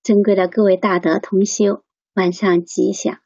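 Patient woman teacher, mellow husky tone, dull dry call audio. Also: mid-range voice, little pitch movement, dry recording. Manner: slow, patient, repeats examples. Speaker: English teacher. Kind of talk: online pronunciation lesson.

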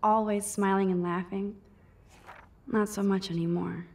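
A woman's voice: medium pitch, steady tone, measured pace, far from the mic, close to an everyday voice. Woman voicing Max, a wistful shy teen. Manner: wistful, musing to herself. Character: shy 18-year-old girl, photography student. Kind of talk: video game inner monologue.

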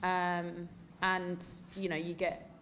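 Seated at a desk mic before a sponsor backdrop in an indoor press room, this English football coach in her thirties fields post-match questions with candid, emphatic answers full of fillers. She speaks slowly in a lowish, slightly bright voice with a level tone. Slight background noise is audible.

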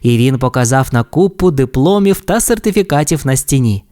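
A male storyteller reading a children's audio fairy tale. His voice sits at an ordinary middle pitch but moves up and down freely. The delivery is expressive and warm toward young listeners. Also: fairly quick.

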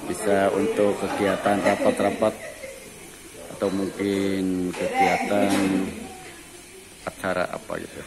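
Low, slow-talking man touring a cafe. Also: a loud crowd. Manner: slow, relaxed commentary with frequent "ya" fillers. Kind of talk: casual walking tour vlog. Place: outdoor cafe grounds and indoor dining hall. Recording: noisy ambient phone recording.

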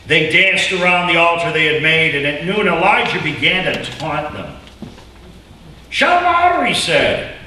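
A man preaching a sermon, telling a story dramatically and swinging between loud shouts and hushed tones. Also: a little high, expressive, moderate pace, hardly any pauses, distant mic, a little hiss or hum. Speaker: pastor. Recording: echoey room, picked up from afar.

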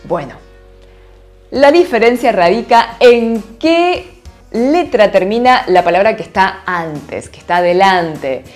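A woman teaching a lively online Korean lesson, laughing often and checking in with her students. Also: medium pitch, slow pace, soft background music. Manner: animated, laughs often, asks "¿sí?" constantly.

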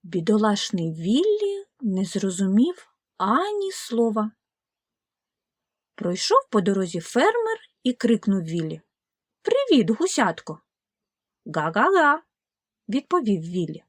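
A woman narrating a children's audiobook fairy tale in a slow, gentle, expressive way. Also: mid-range voice, husky, dry recording, clean studio sound. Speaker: storyteller.

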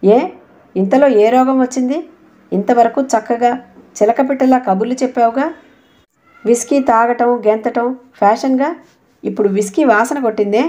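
A woman reading the part of a drunk, domineering husband in an audiobook, with gruff threats and taunts. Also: a little high, brisk, warm tone, close to an everyday voice. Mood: gruff angry.

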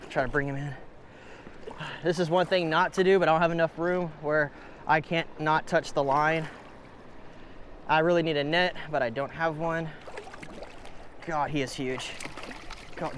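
With a slightly high voice, a young adult man fishes by the river and vlogs for his audience, excitedly saying the same exclamations again and again. Recorded outdoors on an on-camera mic and head-mounted camera, the clip carries the noise of rushing water.

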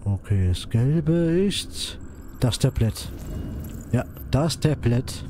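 A man's voice: medium pitch, lively intonation, slow, dark tone, a little hiss or hum. A man giving casual commentary while he plays a video game. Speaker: let's player commenting on a game.

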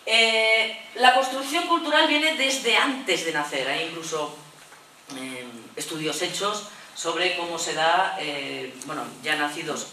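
A woman teacher giving a humorous lecture, lively and jokey, now and then acting out little voices. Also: lowish voice, echoey room, far from the mic, a little hiss or hum, low-quality recording.

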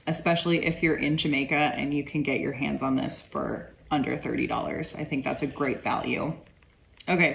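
A woman's voice: sits low, creaky, a little hiss or hum, rough recording. A woman casually reviewing and tasting rums, chatty and full of "like" fillers. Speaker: rum reviewer. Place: indoor room at home.

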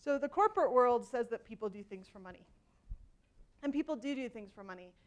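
Chatty woman giving a keynote talk. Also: on the high side. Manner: conversational, self-deprecating, frequent ums and restarts. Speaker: keynote speaker. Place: large conference hall stage.

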